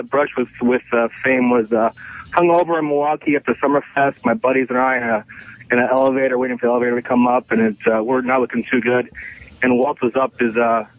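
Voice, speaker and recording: A man's voice: medium pitch, no echo. Hesitant male caller on a phone line. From Ohio. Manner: casual, hesitant storytelling.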